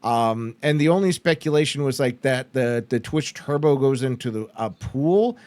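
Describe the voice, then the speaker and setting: Man, from Canada, podcast host, casual rambling chat, medium pitch, dry close sound. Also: normal speed, no room sound. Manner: chatty, rambling with fillers and restarts; mocks others with put-on excited voices.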